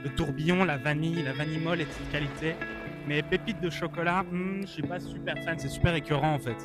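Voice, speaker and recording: Speaking fast in a steady, somewhat high voice, this man chats casually for his vlog, giving opinions with informal, mock-earnest flair while faint guitar music plays in the background.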